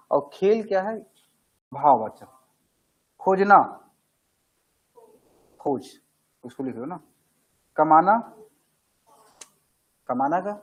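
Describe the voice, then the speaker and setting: A man's voice: sits high, poor audio. A man teaching a grammar class, talking conversationally and answering his own questions. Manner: conversational, asks questions and answers them himself.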